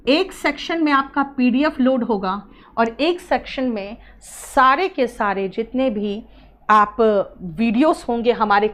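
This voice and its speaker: A woman teaching an online English exam class. She explains words patiently, calls students "beta" and keeps checking "है ना?". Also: fairly high pitch. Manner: mixes English terms into Hindi explanations.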